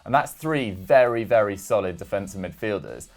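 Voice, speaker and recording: A man's voice: fairly low pitch, lively intonation, normal speed. A young man hosting a casual football chat show, reeling off stats in a chatty, self-deprecating way. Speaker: football podcast host.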